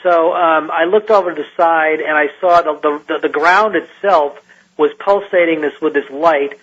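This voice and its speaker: A man who is a scientist recounts an encounter in a radio interview, halting and restarting often as he talks. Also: fairly high pitch, fairly even intonation. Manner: halting, with many restarts and fillers. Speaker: guest scientist. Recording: muffled lo-fi radio line.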